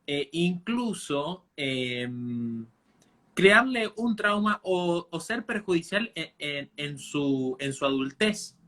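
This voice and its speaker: Bright-voiced man hosting a live show. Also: a little high, expressive, slow. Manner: hesitant, many fillers and restarts. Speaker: host.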